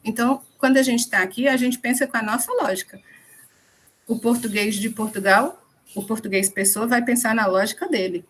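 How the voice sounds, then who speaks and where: Chatty Northeastern Brazilian woman teaching English. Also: a little high. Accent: Northeastern Brazilian (Ceará). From Ceará, Brazil. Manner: explains step by step, mixing in English example sentences. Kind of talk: classroom lecture.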